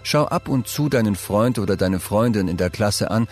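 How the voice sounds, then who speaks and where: A man narrating scripted advice for young people, speaking calmly and addressing the listener directly. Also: on the low side, moderate pace, faint music behind. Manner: calm, direct second-person advice.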